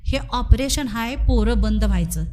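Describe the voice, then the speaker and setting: A woman's voice: a little high, unhurried, warm tone, slight background noise, close to an everyday voice. A woman voicing a stern old village father who talks bluntly in rural dialect.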